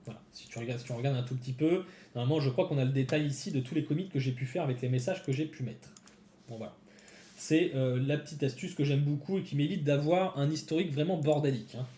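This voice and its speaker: A man's voice: mid-range voice, fast, dark tone, roomy sound. A man giving casual live-coding commentary to his viewers, thinking aloud as he types. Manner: thinks aloud, chatty, talks to viewers while typing. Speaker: developer streaming a coding session.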